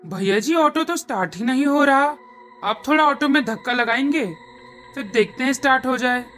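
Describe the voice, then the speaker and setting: A woman's voice: high voice, moderate pace, a bit bright, faint music behind. A woman voicing a friendly, helpless male auto-rickshaw driver in a storybook reading.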